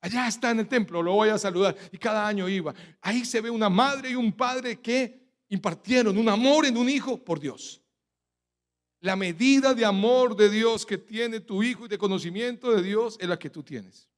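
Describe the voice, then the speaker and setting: A man's voice: high voice, normal speed. A man with a Colombian accent preaching a sermon as pastor, firing rhetorical questions and letting the congregation finish his sentences. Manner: emphatic preaching cadence with sudden loud stresses. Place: church.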